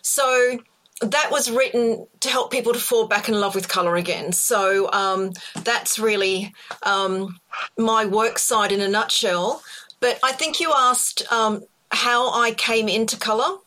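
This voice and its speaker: This middle-aged Australian woman, a colour psychology expert, appears as a guest on a podcast and chats casually, full of ums and restarts. Her voice sits a little high and moves a little slowly, with a pushed, bright quality.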